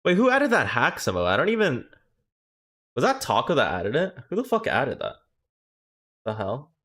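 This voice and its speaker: A young man with a mid-range, fairly bright voice swoops wildly in pitch as he streams. He's a streamer and coach chatting casually with viewers, joking, swearing, and reacting quickly.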